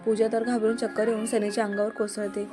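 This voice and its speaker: A woman storyteller narrates an episode of a serial story in a brisk, plain way. Her voice sits slightly high, and a steady music bed runs beneath the whole reading. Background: background music.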